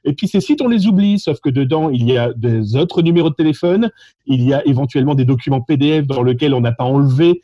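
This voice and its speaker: A man from France with a French accent, telling stories animatedly in a lively, joking way about his contest calls. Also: mid-range voice, fast talker, no echo, muffled recording. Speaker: social engineering contest participant. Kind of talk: animated conversational storytelling.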